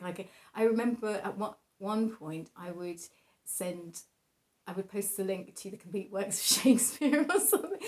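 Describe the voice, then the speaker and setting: A woman's voice: medium pitch, a little mellow. Chatty, self-deprecating young woman. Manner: giggly, self-deprecating, hesitant asides. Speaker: painter presenting own artwork. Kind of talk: casual rambling vlog chat.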